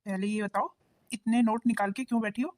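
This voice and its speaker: A woman voicing a husband in a cartoon, talking in a quick, lecturing manner. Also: on the high side, steady tone, a little mellow, lightly acted. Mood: warm. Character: husband, a grown son of the family.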